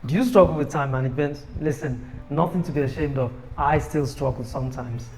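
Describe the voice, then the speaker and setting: A man giving an upbeat, persuasive sales pitch for his own book, recorded on a phone camera. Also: brisk, darkish tone, poor audio. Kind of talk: motivational self-promotion video.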